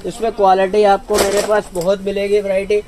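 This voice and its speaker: A shopkeeper showing his cosmetics stock in a crowded shop, reeling off prices per dozen and per piece in a steady sales patter. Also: high-pitched, brisk, noisy background. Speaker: wholesale shopkeeper. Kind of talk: sales pitch.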